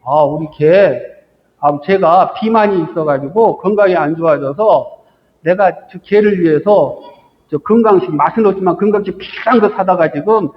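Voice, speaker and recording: A man's voice: high-pitched, moderate pace, long reverb tail, muffled recording, lightly acted. A man playing an older male church elder who chats fondly about his dog.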